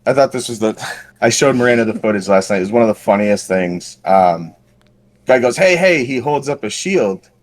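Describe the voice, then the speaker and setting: A man's voice: on the low side, moderate pace, a little mellow. A man on a podcast casually telling a long paintball story, rambling and self-deprecating with lots of fillers. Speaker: podcast co-host.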